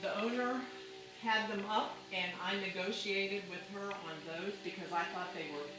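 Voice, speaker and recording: A woman's voice: medium pitch, steady tone, moderate pace, over music. An older woman showing visitors around her own home in casual, explanatory chat. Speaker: homeowner showing her house. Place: inside a house, away from mic. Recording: very echoey, distant mic, noisy room.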